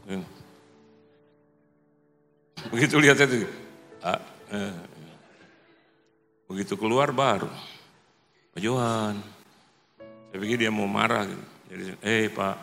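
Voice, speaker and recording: A man from Indonesia delivers a sermon as a pastor, with a gravelly, bright edge to his voice. He tells his stories animatedly and acts out the dialogue. His voice rings through a reverberant church hall over soft music. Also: lowish voice. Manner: animated storytelling, acting out dialogue, laughing.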